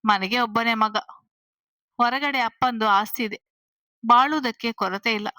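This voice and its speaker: A confident young man speaks bluntly about his love and his plans, as a woman reads his lines. The voice is bright and high-set, close and dry. It comes from an audio storybook. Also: measured pace, no room sound, low-quality recording. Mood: earnest. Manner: blunt, straightforward.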